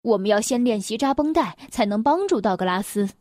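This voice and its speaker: A self-important rabbit playing doctor, as a woman storyteller puts him on, pompous and deliberate. The voice is pushed lower than the reader's own, recorded dry and close. A children's storybook reading. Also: animated, darkish tone, dry recording, lightly acted.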